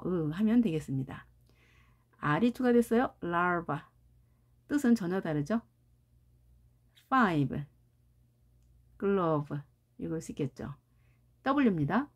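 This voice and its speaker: Teaching English pronunciation to Korean speakers in a recorded lesson, a woman gives careful explanations and says each example word again. Her voice is fairly low-pitched, darkish in tone, and slightly rough.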